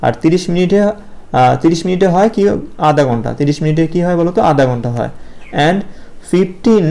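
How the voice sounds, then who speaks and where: A man with a Bangladeshi Bengali accent teaching a video lesson to young pupils. He explains slowly and patiently, asks his own questions and answers them, with many filler pauses. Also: fairly high pitch, lively intonation, gravelly, mellow.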